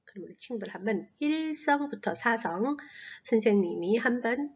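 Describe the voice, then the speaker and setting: A woman teaching a slow, patient language lesson to children, modeling sounds in long drawn-out tones and dropping to a soft whisper on asides. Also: a little high, lively intonation, lo-fi sound. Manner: drops to a breathy near-whisper on asides.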